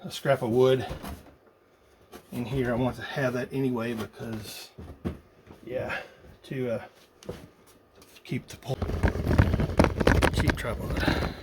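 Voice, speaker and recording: The amateur radio builder works through his project at a slow pace, casually narrating and thinking aloud, with long pauses. His voice is medium-pitched and level. Clicks and noise fill the workshop recording.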